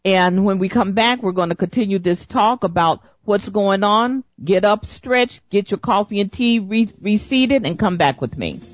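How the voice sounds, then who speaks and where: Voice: medium pitch, animated, normal speed, hardly any pauses. A middle-aged host on a talk broadcast, rambling and searching for words as they speak. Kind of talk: casual radio talk. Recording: dull lo-fi recording.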